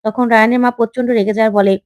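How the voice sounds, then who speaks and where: A woman retells a serial's episode step by step and speaks straight to her viewers. Her voice is high and steady. The recording is close and dry. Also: racing, no room sound. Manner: plain, steady storytelling that addresses the viewers. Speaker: storyteller recapping a TV serial. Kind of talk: story recap narration.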